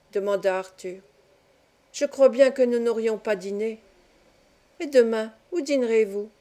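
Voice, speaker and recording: A woman narrates an audiobook in a calm, measured way, her voice mellow and soft. It sits a little high for a woman, and she gives the dialogue gentle touches without leaving her own voice. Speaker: audiobook reader. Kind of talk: scripted narration of a classic novel.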